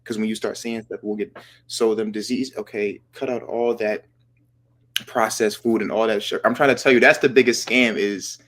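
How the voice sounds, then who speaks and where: A man hosting a casual podcast chat, talking in slangy, animated bursts and sometimes dropping to a whisper for effect. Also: on the low side, normal speed. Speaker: podcast host.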